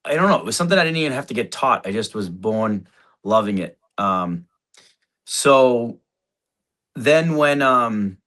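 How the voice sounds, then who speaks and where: This is a man speaking as a guest in a casual podcast chat, in an ordinary middle pitch. He talks in a relaxed, halting way, restarting phrases and dropping in fillers.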